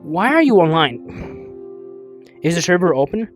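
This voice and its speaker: A man's voice: a little high, very animated, moderate pace, soft background music. A man streaming a game live, rambling casually, swearing a lot and making playfully dramatic, mock-whiny complaints.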